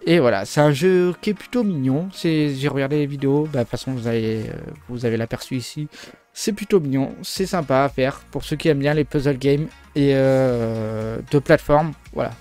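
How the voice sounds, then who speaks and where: A man's voice: medium pitch, a little fast, a little mellow, soft background music. A man whose first language is French, casually rambling through game overviews with jokes, many fillers and restarts. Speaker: gaming video host.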